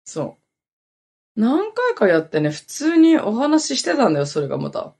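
A woman's voice: fairly high pitch, wildly swooping pitch, moderate pace, gravelly, darkish tone, breathy edge. A woman hosting a podcast, telling a long story in a rambling, casual way with lots of fillers. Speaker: podcast host. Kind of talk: casual chat.

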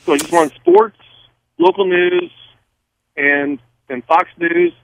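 A man's voice: fairly high pitch, huge pitch swings, slow pace, gravelly. A man calling in to a radio show over the phone, rambling and restarting his questions. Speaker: caller. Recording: tinny phone line.

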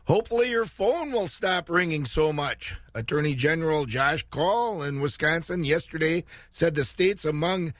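A man's voice: a little high, expressive, moderate pace, hardly any pauses, fairly bright tone, dry recording, clean studio sound. A man hosting morning radio and reading the local news. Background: faint music.

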